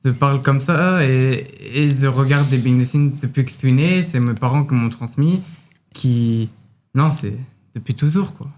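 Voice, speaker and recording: A man playing an earnest, touchy young film fanatic in a talk show sketch, with a slushy sh-like lisp and a halting, defensive delivery. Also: medium pitch, darkish tone, lightly acted.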